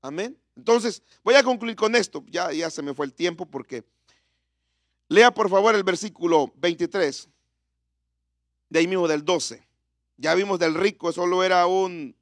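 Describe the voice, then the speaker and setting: A man's voice: sits high, moderate pace, dry recording, clean studio sound. A middle-aged man preaching a sermon in church, talking conversationally and firing questions at the congregation.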